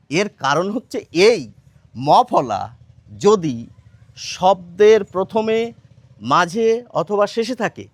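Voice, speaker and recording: A man teaching standard pronunciation in a measured explanatory lesson, often pausing with "ah" and asking viewers questions. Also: sits high, no room sound. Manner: measured, addresses viewers directly with questions, frequent "ah" fillers.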